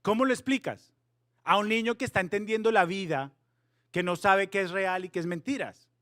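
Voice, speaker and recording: A youth pastor in his thirties delivers a playful, animated sermon to young people, telling a story and slipping in English words. His voice is high and his pace moderate. The sound is close and dry, without room echo.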